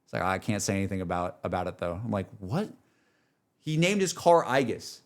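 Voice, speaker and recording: With a deep, sing-song voice and a slightly quick delivery, this male streamer chats about games during a casual livestream. His emotional reflections come out earnest and emphatic, wandering and often doubling back.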